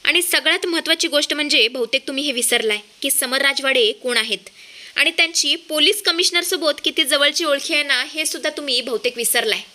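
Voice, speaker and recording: A woman's voice: high voice, fairly quick, sharp tone. Woman doing a fierce, defiant young heroine. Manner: defiant, confrontational. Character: sharp, fearless young daughter-in-law heroine.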